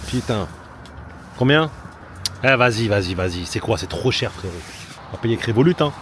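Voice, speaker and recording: A man's voice: fairly low pitch, normal speed. A young man, vlogging casually from his car and a petrol station, slangy, joking and ranting. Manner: slangy, animated, swears and jokes, ranting. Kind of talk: casual vlog talk to camera. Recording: outdoor traffic noise behind.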